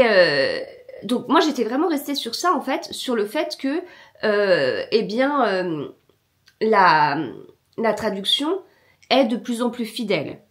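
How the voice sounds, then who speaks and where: A woman chatting casually in a reading vlog, hesitant, with many fillers and restarts, sometimes trailing off into soft muttering. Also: a little high. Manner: mutters softly while searching her book. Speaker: book vlogger. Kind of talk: casual chat.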